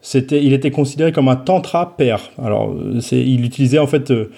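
A man co-hosting a podcast, telling a dark topic with dry, mock-serious humour and frequent hesitations. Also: medium pitch, fairly quick, vocal fry, slightly rough. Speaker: podcast co-host. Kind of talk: joking podcast chat.

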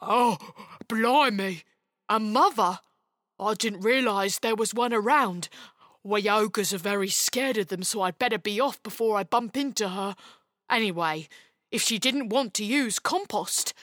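A woman voicing a gentle, slightly gruff male ogre who explains things patiently. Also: mid-range voice, unhurried, no room sound, studio quality, natural voice. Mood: flustered.

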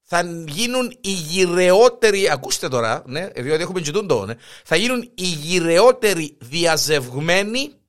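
A man's voice: on the high side, fairly bright tone. A man with a Cypriot Greek accent hosting a jokey gossip news segment, storytelling with animation. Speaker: host. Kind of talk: comic gossip news chat.

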